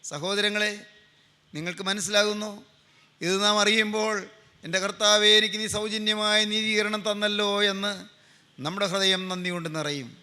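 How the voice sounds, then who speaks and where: A man's voice: high-pitched, normal speed, pauses often, bright, forceful tone, clear, resonant tone. An older man preaching a sermon with a Malayali accent, telling a story fervently and repeating phrases in a pleading way.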